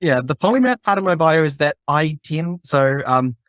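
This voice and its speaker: A man's voice: fairly high pitch, expressive, moderate pace, a bit bright, no room sound. A middle-aged man from New Zealand, a podcast guest explaining his background step by step in casual conversation. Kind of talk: casual chat.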